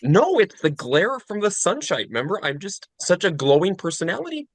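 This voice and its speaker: A man's voice: high voice, sing-song, normal speed, no echo. A man co-hosting a casual racing podcast, joking and clowning through the banter over a video call. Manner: joking, mock announcer delivery. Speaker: podcast co-host.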